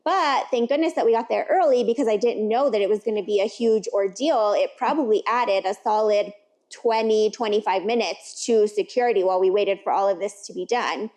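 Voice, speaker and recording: A woman's voice: medium pitch, brisk, a little mellow. A young woman co-hosting a podcast, chatting casually about travel with many fillers and frequent laughs. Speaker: podcast co-host. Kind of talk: casual chat.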